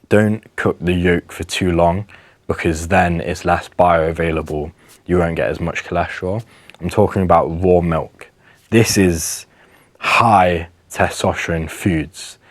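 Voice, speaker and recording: A young man delivers a casual advice monologue, emphatic and earnest, sometimes tripping over his words. His voice sits deep and low. The sound is close and dry, with no room around it. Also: dry recording. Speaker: wellness vlogger.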